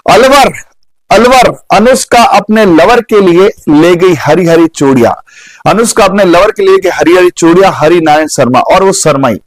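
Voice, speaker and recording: A young man leads a live online exam-prep class, his voice pitched high and bright. He jokes, reads viewers' comments aloud and drills memory tricks. The sound is dry and close, with no room echo. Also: normal speed. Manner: animated, jokey, chats with viewers' comments.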